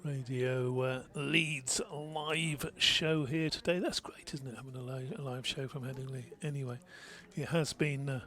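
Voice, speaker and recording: A man's voice: mid-range voice, fairly even intonation, measured pace, few pauses, pushed and bright. A man co-commentating on cricket for radio, with easygoing, teasing banter.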